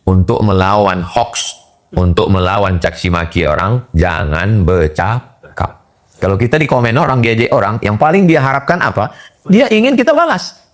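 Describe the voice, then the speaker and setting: A middle-aged man preaching. He chants Arabic verses slowly, then explains them with jokes. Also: medium pitch. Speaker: Islamic preacher. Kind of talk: humorous sermon with Quran translation.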